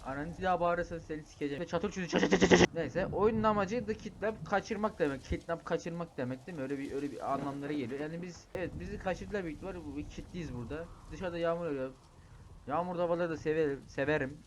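Man, gameplay commentary, foul-mouthed, quick-talking, slightly high voice. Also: background noise. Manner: crude, swears constantly, bursts into yelling; rambling, mocks the game aloud. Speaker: gaming YouTuber.

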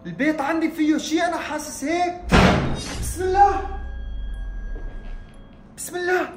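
A man narrating a horror prank vlog at home, excitable and acting scared as he talks to his viewers. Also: very high voice, racing, roomy sound, faint music behind. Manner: excitable, feigning fear, addresses viewers. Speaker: vlogger. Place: room at home.

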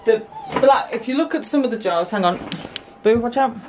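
A woman's voice: on the high side, expressive, normal speed. A woman in her thirties, chatting casually and explaining as she works in a small home kitchen, recorded on a camera mic. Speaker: homestead vlogger. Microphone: camera mic on the counter. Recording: noisy kitchen camera audio.

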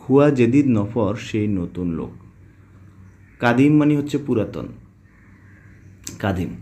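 A man from Bangladesh teaching spoken Arabic vocabulary, explaining words slowly and repeating them one by one. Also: medium pitch, warm tone, husky. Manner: slow, repetitive word-by-word explaining.

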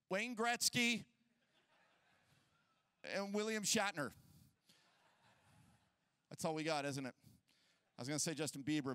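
A male pastor preaching a sermon at a conference, energetic and casual, joking and using slang. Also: high-pitched, clear, resonant tone, dry recording. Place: conference stage before a crowd.

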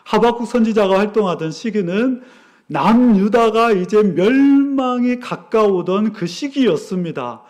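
A male pastor preaching a Sunday sermon in church, animated and storytelling. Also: high voice. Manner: animated storytelling, acting out quoted voices.

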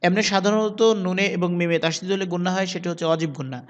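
Brief: male tutor, high voice, spells letters aloud and chants verses slowly, long hall reverb. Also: fairly even intonation, dull audio. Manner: slow, drawn-out melodic recitation of Arabic verses. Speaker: Quran reading teacher. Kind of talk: spelled-out Quran recitation lesson.

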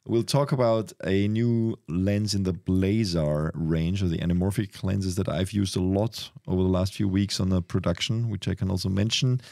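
Guy hosting a podcast with a cold, lowish voice, dry sound, kinda rambly. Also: moderate pace, creaky, few pauses, dry recording. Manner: relaxed, rambling, restarts often. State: has a cold. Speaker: podcast host. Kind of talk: casual podcast chat.

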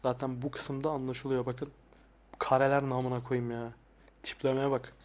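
A young man talking casually and softly, often swearing, as he looks back at his old videos. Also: flat delivery, normal speed. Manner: crude, frequent swearing; soft-spoken, dropping voice low at times. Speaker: ASMR YouTuber. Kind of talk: casual soft-spoken vlog. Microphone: lapel mic.

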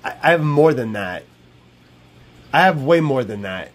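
Speaking through a wired earbud mic in a small room, this thirty-something streamer is loud-mouthed, profane, and repetitive in his wandering live chat. His voice is medium-pitched and expressive, with a slightly slow delivery.

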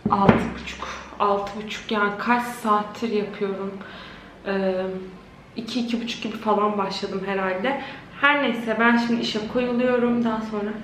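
A woman's voice: mid-range voice, fairly even intonation, normal speed, fairly bright tone, recorded from a distance. A young woman chatting to her viewers while she fixes up a room at home. She says she is worn out, and her voice echoes off the bare walls of the empty room. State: worn out from a long day of work. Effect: echo of a bare, empty room with no furniture. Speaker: home vlogger. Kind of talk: casual chatty vlog while renovating. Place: indoors, a small freshly painted empty room at home. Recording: echoey empty room with faint ambient noise.

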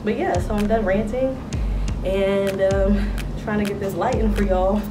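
A woman's voice: mid-range voice, steady tone, unhurried, roomy sound, recorded from a distance, music in the background. A young woman vlogger and fitness coach chatting casually and upbeat straight to a phone camera. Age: young adult. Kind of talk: casual vlog chat. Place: apartment living room, then car and kitchen. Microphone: phone camera at arm's length.

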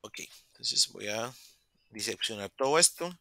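A man's voice: fairly low pitch, lively intonation, unhurried, creaky, very noisy. A man, teaching English in a virtual class and patiently repeating words to model pronunciation. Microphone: video call.

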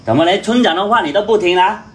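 A man's voice: high-pitched, fast talker, a little hiss or hum, lightly acted. A man in his thirties playing a pushy, evasive village chief in a rural comedy skit. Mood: urgent, coaxing. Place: outdoors at a village house doorway.

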